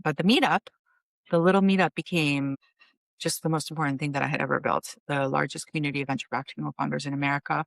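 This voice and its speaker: A woman in her forties from Costa Rica, a venture fund founder, telling her story in a relaxed interview with fillers. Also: low voice, creaky, no room sound. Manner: thoughtful, fluent storytelling with fillers. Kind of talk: casual interview talk.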